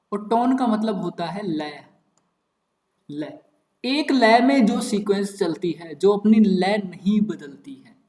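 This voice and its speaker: High-voiced young man teaching maths. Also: darkish tone. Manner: repetitive, playful, muttering asides. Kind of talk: casual Hindi-English lecture. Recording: echoey room.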